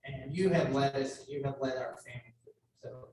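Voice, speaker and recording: A man giving a personal tribute speech at his brother's retirement ceremony, joking and halting, with many restarts. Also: medium pitch, fairly even intonation, a little mellow, a little hiss or hum. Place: large ceremony hall. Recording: echoey hall from far off.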